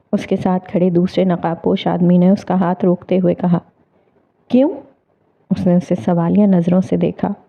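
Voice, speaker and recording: A woman narrating a dramatic novel in a measured, expressive storytelling manner. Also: mid-range voice. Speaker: audiobook narrator. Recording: tinny phone-like audio.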